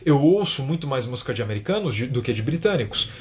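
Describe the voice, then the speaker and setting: A man's voice: mid-range voice, big pitch swings, fast, a little mellow. A man from Brazil with a São Paulo accent, teaching English in a live stream and talking casually, often tagging his sentences with little checks for agreement. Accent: São Paulo Portuguese. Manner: chatty, keeps adding tag questions.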